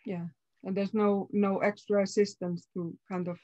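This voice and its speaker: A woman interviews a guest in a hesitant, hedging way, full of fillers. Her voice is mellow and sits in a middle pitch, in a dry space with slightly dull sound. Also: level tone, moderate pace, no room sound. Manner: hesitant, with many fillers and hedges. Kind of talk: conversational interview.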